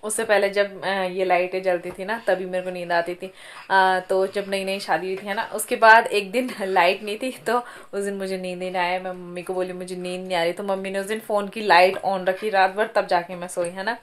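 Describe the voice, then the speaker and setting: A woman's voice: medium pitch, level tone, fairly quick. A young woman, a mother, chatting casually to viewers in a home vlog, often adding little tag questions. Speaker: vlogger and mother. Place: home bedroom.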